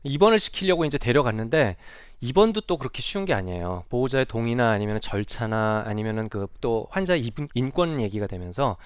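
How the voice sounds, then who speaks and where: A middle-aged man lecturing from a stage, his pitch rising and falling with lively expression. He speaks earnestly and conversationally, turning to the listeners with rhetorical questions. The sound is close and dry, with little room echo. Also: a little fast, hardly any pauses, smooth. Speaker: psychiatrist giving a talk. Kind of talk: public lecture.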